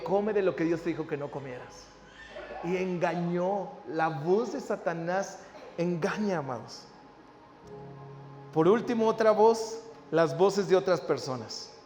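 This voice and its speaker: Pastor guy preaching, pretty high voice, big echoey church hall. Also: a little mellow, slight background noise. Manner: preaching with rising intensity, often asking "¿verdad?". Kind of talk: sermon. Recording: reverberant hall with faint ambience.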